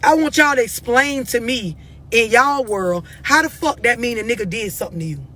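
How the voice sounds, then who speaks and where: A bit bright and a little high, an American woman's expressive voice moves at normal speed as she gives unscripted, blunt relationship advice to followers on her live stream. She comes across as confrontational and emphatic, pressing her questions insistently.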